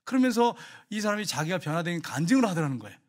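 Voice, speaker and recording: A male pastor with a Gyeongsang accent preaching a sermon. He tells a story full of rhetorical questions and swings from hushed asides to emphatic declarations. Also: high-pitched, very animated, racing. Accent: Gyeongsang Korean. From Gyeongsang region, Korea.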